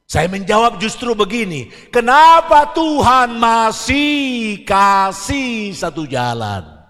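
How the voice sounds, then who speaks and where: A male pastor preaching a sermon, questioning the congregation and swinging between quiet lines and shouted ones. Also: high voice, big pitch swings, slow pace. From Indonesia. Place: church. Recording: church hall reverb on a livestream.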